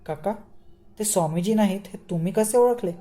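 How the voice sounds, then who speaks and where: An eager young man speaks earnestly, full of curiosity. A woman reads him aloud in a storybook reading. Her voice stays mellow. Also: medium pitch, fairly quick, faint music behind, lightly acted.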